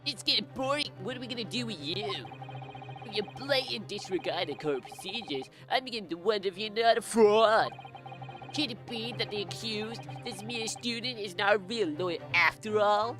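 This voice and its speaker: A woman's voice: mid-range voice, lively intonation, normal speed, music in the background, pitched above the performer's own voice, lightly acted. A woman voicing a sneering, aristocratic male prosecutor in a game, with a mocking drawl. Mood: scornful.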